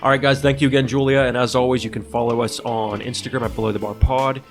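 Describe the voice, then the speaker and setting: A man's voice: medium pitch, level tone, fast talker, faint music behind. A man in his thirties co-hosting a casual podcast, telling rambling stories with frequent laughs. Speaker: podcast co-host.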